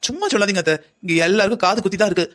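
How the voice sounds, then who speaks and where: This man voices all the family members in a cartoon drama, arguing heatedly back and forth. His high voice is expressive and fairly bright, and he speaks very fast.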